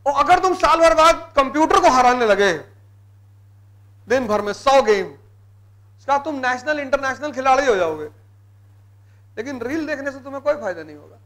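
A high-pitched man with a North Indian Hindi accent lectures students preparing for civil services exams in an emphatic motivational style. He hammers home single words by repeating them, and his voice rings bright and forceful through the classroom. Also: lively intonation, moderate pace, long pauses. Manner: emphatic, repeats key words, mixes in English terms. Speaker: civil services exam teacher. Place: live classroom session.

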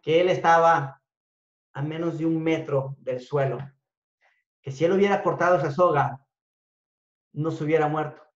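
Man with a somewhat high voice giving an animated motivational talk to a room, recorded echoey and muffled. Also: moderate pace, long pauses. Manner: animated, shifts between loud and hushed. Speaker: speaker at a business talk. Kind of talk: motivational storytelling to an audience. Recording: echoey room, dull lo-fi sound.

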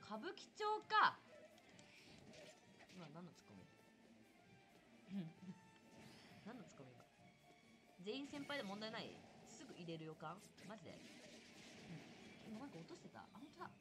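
Excitable young woman streaming a game. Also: fairly low pitch, fast, over music. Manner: excitable, chatty, yelps and shouts at the game. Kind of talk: casual live gameplay commentary.

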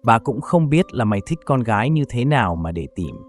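A man voicing a gentle, nostalgic elderly village grandmother in a read-aloud horror story, soft-spoken and homely. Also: mid-range voice, very animated, brisk, soft background music, lightly acted.

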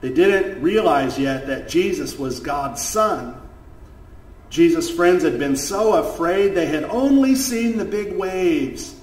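A man, a pastor, telling a story at a children's chapel service, lively in the tale and soft and gentle in the prayers. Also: a little high, slow pace. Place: church chapel. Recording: echoey room, voice from far off the mic.

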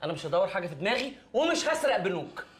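A man's voice: sits high, big pitch swings, very fast. An actor playing a young male bank clerk in a film comedy, a panicky coward who whines and pleads and says he has gone half-deaf. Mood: scared. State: half-deaf, shouting to hear himself.

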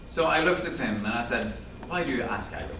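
A man in his fifties from Norway, with a Norwegian accent and a mid-range voice, animatedly tells a personal story to a small audience, quoting family conversations and gesturing as he speaks. The setting is a classroom-sized meeting room with a projector screen, recorded by a far camera with no visible mic, leaving echo and a background hum.

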